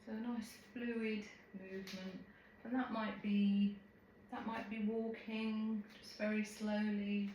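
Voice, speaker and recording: Echoey, slow, serene woman leading tai chi. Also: mid-range voice, little pitch movement, a little mellow, dull audio. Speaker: tai chi and qi gong instructor. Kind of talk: live movement class instruction, calm cueing. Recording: very echoey room, faint background noise.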